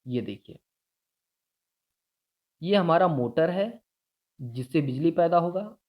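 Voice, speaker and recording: A man explaining a school science lesson step by step, often checking in with his students. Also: on the high side. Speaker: teacher. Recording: dull lo-fi sound.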